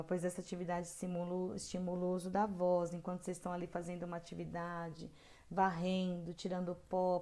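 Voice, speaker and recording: A middle-aged woman lectures to caregivers in an earnest, steady way, pausing often to search for words. Her voice is mellow and rounded. She leans hard on the points she cares about. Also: lowish voice. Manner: earnest, frequent hesitations, emphatic on key points. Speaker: caregiver course instructor. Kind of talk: lecture reading guidelines with asides.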